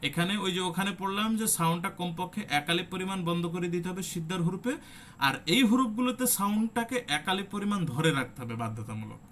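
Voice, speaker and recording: A man's voice: sits high, expressive, quick pace, fairly bright tone, soft background music. A man teaching an online Quran recitation class, explaining step by step and sounding out letters as examples. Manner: asks the listeners rhetorical check questions.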